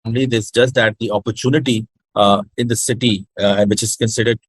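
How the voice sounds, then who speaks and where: A man's voice: fairly low pitch, fairly even intonation, moderate pace, breathy edge, dry recording. A man with a Pakistani accent answering in an interview, hesitant and switching between two languages as he explains. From Pakistan, born in Hyderabad, grew up in Karachi. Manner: hesitant, code-switches between English and Urdu. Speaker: interview guest, startup incubator project director.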